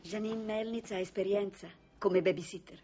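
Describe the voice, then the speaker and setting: An actress dubbing a soft-spoken, worried young mother. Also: mid-range voice, steady tone, moderate pace, slight background noise, close to an everyday voice. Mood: hesitant. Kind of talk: dubbed film acting. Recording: dull dubbed film audio with faint music.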